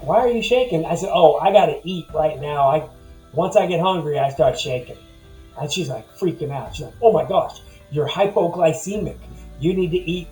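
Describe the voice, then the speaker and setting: A man's voice: a little high, warm tone, reverberant, low-quality recording. Blunt rambling man in his fifties. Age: 50s. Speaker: vlogger. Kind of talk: casual personal monologue to camera.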